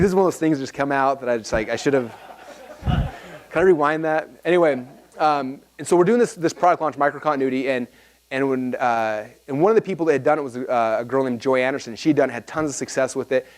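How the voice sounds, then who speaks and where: A man talking to a live seminar audience, telling rambling, animated stories full of fillers and restarts. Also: medium pitch, fairly quick. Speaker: marketing seminar speaker.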